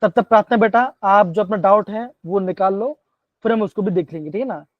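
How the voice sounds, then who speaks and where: A man's voice: high-pitched, a little fast, no room sound. Male chem teacher on an online class, keeps asking kids to answer, words, muffled dull stream, dry sound. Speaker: chemistry teacher.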